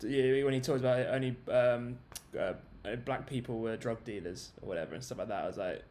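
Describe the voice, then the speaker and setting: A man's voice: medium pitch, brisk, a little mellow. A man chatting casually on a film review panel, rambling and retelling scenes with lots of fillers over a video call. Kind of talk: casual roundtable chat.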